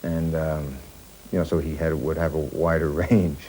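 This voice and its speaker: Male interviewee, very deep, mellow, casual. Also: level tone, normal speed.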